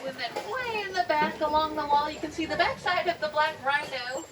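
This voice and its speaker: A woman working as a safari guide, giving informative live tour commentary straight to her riders from an open truck outdoors. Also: a little fast. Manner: informative, addresses riders directly. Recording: distant PA, crowd chatter, loud vehicle noise. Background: crowd, rumbling vehicle, outdoor ambience.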